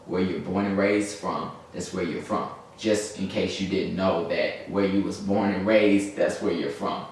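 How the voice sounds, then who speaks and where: Here a young adult vlogger from Birmingham, Alabama, talks casually to the camera in a Southern US accent, telling a story in a slangy, wandering, easily distracted manner. His voice is deep, fairly even in intonation, and a little slow. Faint noise, a distant mic, and a very echoey room shape the sound.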